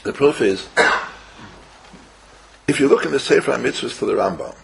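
A man's voice: mid-range voice, animated, moderate pace, gravelly, breathy edge. An older man giving an informal religious lecture as a rabbi, repeating phrases and answering his own questions. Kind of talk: informal religious lecture with stories and Hebrew quotes.

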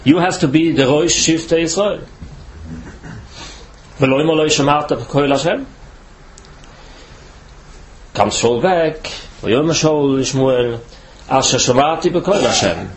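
This Torah lecture comes from a Swiss rabbi who is not a native English speaker and chooses his English words haltingly and carefully. His voice is fairly high, and a little hiss or hum can be heard.

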